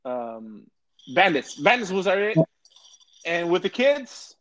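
A man's voice: high-pitched, big pitch swings, slow pace, a bit bright. A man, chatting casually as a guest, stammering, repeating words and swearing a lot. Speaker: podcast guest. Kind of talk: casual chat.

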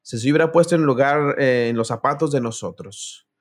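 A man's voice: mid-range voice, a little fast. A man preaching a sermon, telling a personal story, reading scripture aloud and speaking directly to his listeners.

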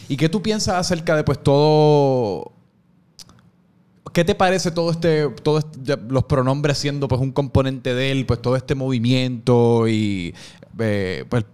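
A man's voice: mid-range voice, a little slow, darkish tone, smooth. A man with a Puerto Rican accent interviewing casually, choosing words tentatively and carefully.

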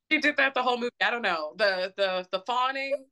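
A woman co-hosting a podcast, chatting casually about movies, animated and swearing freely as she acts out reactions. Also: fairly high pitch, moderate pace. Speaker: podcast co-host. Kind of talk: casual chat reviewing movies.

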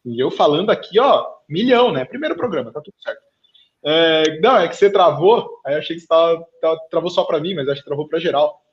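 A man with a Brazilian Portuguese accent hosting a live football talk stream, chatting casually and handing off to co-hosts, heard through low-quality online stream audio. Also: expressive, fast, highs cut off. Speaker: sports show host.

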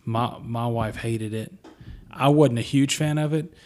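A man with an average-pitched voice co-hosts a casual podcast. He speaks reflectively and stretches out his phrases as he thinks aloud. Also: measured pace, a little mellow. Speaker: podcast co-host.

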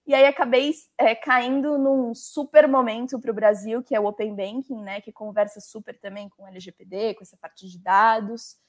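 A young adult woman with a Brazilian Portuguese accent, a guest talking in a lively, chatty way with many fillers in an interview. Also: a little high, normal speed, few pauses. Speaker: legal coordinator, guest. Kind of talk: conversational interview.

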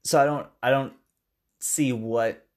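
With an ordinary-pitched, relaxed voice, a male podcast co-host recaps a movie like a friend chatting. He retells scenes at length and now and then acts out lines in quick character voices.

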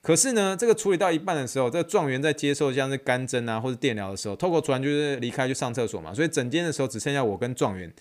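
A young man, a physical therapy intern hosting his podcast and telling a story in a lively, excitable way with many fillers. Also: mid-range voice, racing, few pauses. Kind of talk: casual solo storytelling.

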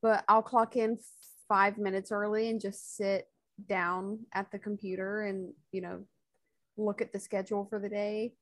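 A woman co-host in casual podcast chat who mostly chimes in with short, supportive replies. Her voice sits at a middle pitch and sounds dry and close to the mic. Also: level tone, unhurried, a bit bright, no room sound.

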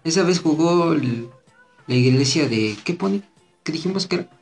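A man's voice: on the high side, animated, normal speed, gravelly, darkish tone, soft background music. A man with a Mexican accent, joking crudely and laughing as he swaps stories with friends. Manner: laughs often, swears a lot. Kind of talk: casual crude joking banter. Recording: echoey room.

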